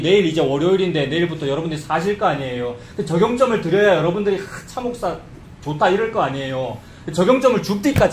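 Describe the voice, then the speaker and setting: A man's voice: sits high, roomy sound, a little hiss or hum. A man preaching a sermon as pastor, in a conversational style. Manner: conversational preaching, acts out quoted voices. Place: church sanctuary.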